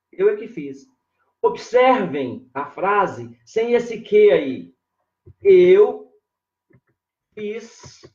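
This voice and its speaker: A man teaching grammar in a live online lesson, drawing out key words, repeating "ó" as he points things out, and greeting viewers by name. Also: high-pitched. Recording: echoey room, dull lo-fi sound.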